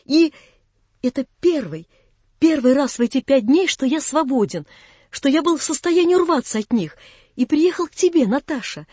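A woman voicing an eager, flustered young nobleman who pleads his innocence in an excited, rushed way in a storybook reading. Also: sits high, no room sound, voice pushed up. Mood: excited pleading.

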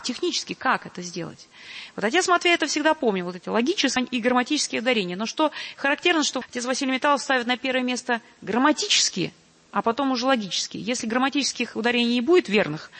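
A woman giving a measured, deliberate lecture and reading quotations aloud. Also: on the high side, a bit bright, in a large hall. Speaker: lecturer on church choir singing.

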